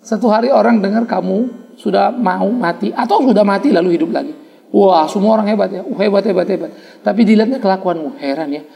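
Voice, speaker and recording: A man preaching a sermon as a pastor, emphatic, with repeated refrains and sudden leaps in pitch. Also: quick pace, gravelly, warm tone, in a large hall.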